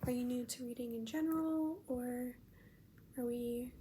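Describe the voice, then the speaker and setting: A young American woman plays a friendly librarian in an ASMR role-play. Her library soft voice is gentle and unhurried, with a creaky edge and a mellow tone. A faint noise sits behind her. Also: on the high side. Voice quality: soft-spoken, breathy near-soft voice. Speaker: ASMR performer playing a librarian at checkout.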